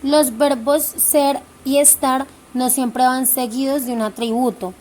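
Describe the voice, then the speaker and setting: A woman's voice: sits high, steady tone, measured pace, a little mellow, slight background noise. A woman explaining verb types in a lesson, careful and with small restarts on words.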